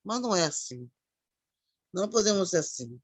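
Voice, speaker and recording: A woman's voice: lowish voice, very animated, moderate pace, slightly rough, no echo. A woman in a devotional conversation, talking in an earnest, repetitive way and thinking aloud as she goes. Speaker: church sister in a ministry chat.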